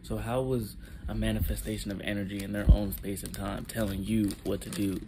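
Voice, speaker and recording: A young man vlogging at home early in the morning, talking in a hushed, rambling, slangy way about spiritual ideas. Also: level tone, a little fast. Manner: rambling, hushed and low-key, with slangy asides. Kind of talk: casual spiritual monologue to camera. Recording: loud background noise.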